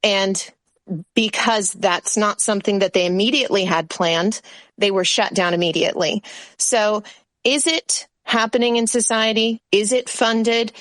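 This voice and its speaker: A woman's voice: mid-range voice, measured pace, a bit bright, no echo. A woman speaking on a discussion panel, laying out her points with a string of examples.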